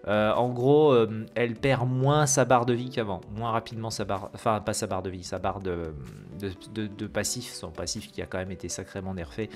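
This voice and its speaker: A man's voice: lowish voice, fairly even intonation, moderate pace, few pauses, soft background music. Hesitant man talking through game patch notes. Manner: hesitant, many fillers and self-corrections; reads English terms with a heavy French accent. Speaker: gaming video host.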